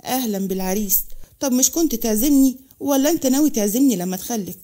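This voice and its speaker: Woman reading a harsh, sarcastic father with an Egyptian accent; quick mellow storybook read. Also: fairly high pitch, lively intonation, natural voice. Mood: stern. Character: stern older father, sarcastic and angry.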